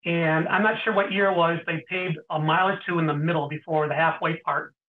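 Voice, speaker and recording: A middle-aged man, an interview guest, tells stories in a casual way, often clearing his throat and pausing with fillers. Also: a little high, steady tone. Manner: anecdotal, frequent throat clearing and hesitant fillers. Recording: tinny phone-like sound.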